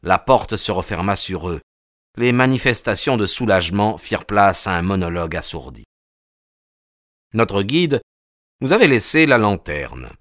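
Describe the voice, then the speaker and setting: Man narrating in a low, dry voice. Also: sing-song, a bit bright, dry recording. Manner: measured, literary storytelling. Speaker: audiobook narrator. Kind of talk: scripted narration of a novel.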